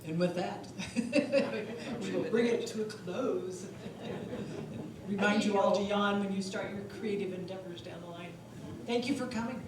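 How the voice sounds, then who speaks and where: A woman's voice: mid-range voice, unhurried, crowd noise. A woman moderator giving polite, brief closing remarks at a public event. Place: performance hall. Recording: distant voice in a very echoey hall with loud noise.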